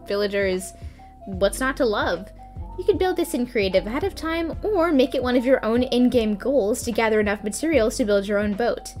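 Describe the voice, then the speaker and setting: A woman hosting a gaming video, giving scripted tutorial narration with dry, playful asides. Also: on the high side. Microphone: voice-over.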